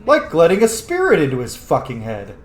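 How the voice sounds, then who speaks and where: Playful and sweary, a gaming streamer gives casual, blunt let's-play commentary, reacting out loud in an animated way. His voice is on the high side and his pace brisk, with a roomy echo and faint background noise in the recording.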